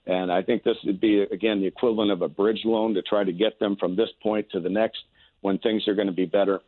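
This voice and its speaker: A political candidate from America, on the radio by phone, speaks fairly fast in a lowish, steady voice. The recording is dry, but the phone line makes it sound narrow and tinny. His replies have a folksy campaign flavor, with hesitant repeated words.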